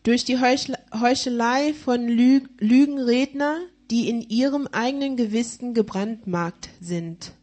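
A woman's voice: fairly high pitch, measured pace, hardly any pauses, a little mellow. A woman interpreting a sermon live, hesitant, with frequent fillers and restarts as she searches for words.

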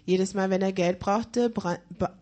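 Female live interpreter at a church service, hesitant, restarts often, mid-pitched voice. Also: steady tone, a little slow, dark tone. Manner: hesitant, many fillers and restarts while searching for words.

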